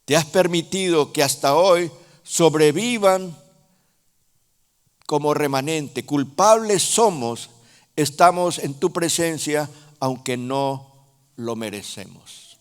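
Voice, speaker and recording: A man preaching a sermon in a Honduran Spanish accent, speaking slowly and emphatically, with sudden loud rises and soft drops. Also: on the high side, clear, resonant tone. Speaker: apostle preaching. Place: large church hall. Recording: reverberant church hall.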